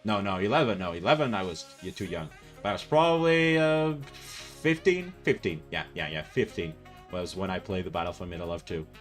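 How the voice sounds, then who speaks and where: Reading viewer comments in a casual live-stream chat, this Portuguese livestreamer in his twenties, Portuguese by first language, talks in a low, very animated voice at a normal speed. He rambles and self-corrects, restarting sentences, laughing frequently and filling pauses with "uh" and "um", while faint music plays softly in the background.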